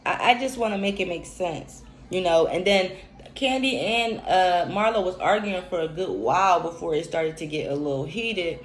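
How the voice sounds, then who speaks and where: A woman's voice: on the low side, normal speed. A woman, giving an unscripted, profane, emphatic reality-TV recap rant. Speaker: recap commentator. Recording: echoey room with faint hiss.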